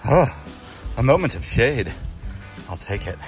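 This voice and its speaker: A man with a dark, gritty, gravelly voice talks casually and wryly as he narrates a hike outdoors. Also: medium pitch, big pitch swings, a little slow, faint music behind. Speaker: hiking vlogger. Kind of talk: casual unscripted trail narration to camera. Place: outdoors on a rocky desert trail.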